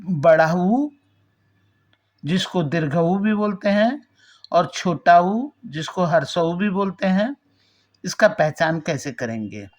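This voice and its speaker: Lady teacher going real slow, sayin words over n over to show the sound, voice goes up and down a lot. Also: fairly low pitch, expressive. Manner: patient, repeats words aloud to demonstrate sounds. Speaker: Hindi teacher. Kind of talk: spelling and pronunciation lesson.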